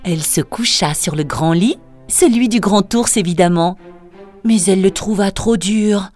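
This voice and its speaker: A woman reading a fairy tale aloud as a storyteller, slow and singsong. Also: mid-range voice. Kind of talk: scripted fairy-tale narration. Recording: narration over soft music.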